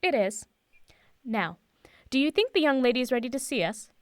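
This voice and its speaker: Professor Van Helsing, brisk and dry-miked. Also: female voice, high voice, very animated, dry recording. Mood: assured, instructive. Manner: assured, instructive, decisive. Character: brisk, confident professor, mentor to a former student. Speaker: actor in audio drama. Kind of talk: naturalistic audio drama acting.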